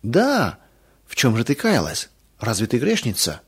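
Man doing a gentle elderly aunt. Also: medium pitch, huge pitch swings, a little slow, slightly rough, heavily acted. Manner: soft, caring. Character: kind older woman teacher, gentle.

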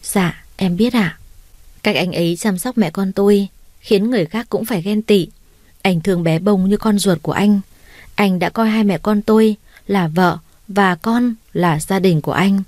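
A gentle young mother in an audio story, soft-spoken and deferential. A woman voices her in her own tone. The recording is dry and close, with no room sound. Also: mid-range voice, normal speed, dry recording, close to an everyday voice.

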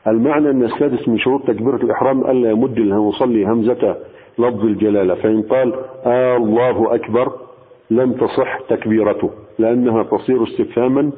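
A man with an Egyptian accent teaching a religious lesson as a sheikh, explaining patiently and slowly demonstrating pronunciations. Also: medium pitch, fairly even intonation, slightly rough. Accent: Egyptian Arabic. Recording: tinny phone-like sound with long reverb.

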